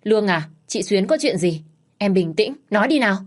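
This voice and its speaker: A woman voicing a lively, headstrong young daughter who speaks eagerly. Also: mid-range voice, moderate pace, pitched above the performer's own voice, close to an everyday voice. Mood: urgent. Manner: eager, pleading.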